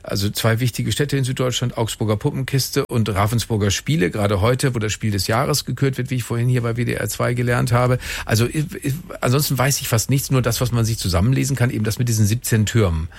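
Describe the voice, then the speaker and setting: A man's voice: mid-range voice, fast talker, vocal fry, hardly any pauses, husky, no room sound. A man in his fifties hosting a casual radio interview, rambling and teasing with many restarts. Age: 50s. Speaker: radio host.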